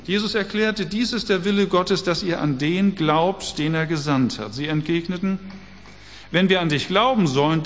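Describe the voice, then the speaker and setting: A man preaching a sermon, reading scripture aloud slowly and deliberately between his own explanations. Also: fairly high pitch, long reverb tail. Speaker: pastor.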